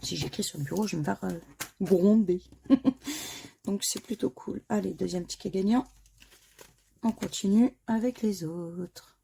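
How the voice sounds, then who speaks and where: A woman's voice: mid-range voice, measured pace, creaky, long pauses, mellow, a little hiss or hum. A woman who talks casually to her viewers while scratching lottery tickets, spelling out letters one by one and muttering under her breath between them. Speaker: scratch-card vlogger.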